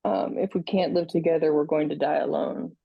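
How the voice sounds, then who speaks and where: A woman co-hosting a podcast in casual chat, halting and searching for words. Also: deep voice, fairly even intonation, creaky, slightly rough, dry recording, lo-fi sound. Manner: halting, many fillers and restarts. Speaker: podcast co-host.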